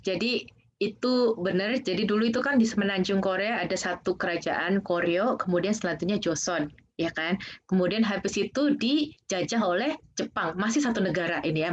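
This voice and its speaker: A woman guest speaker casually explaining Korean culture in an online Q&A, often saying "kayak gitu". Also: mid-range voice. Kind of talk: online presentation and Q&A. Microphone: video call. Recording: dull lo-fi video call audio.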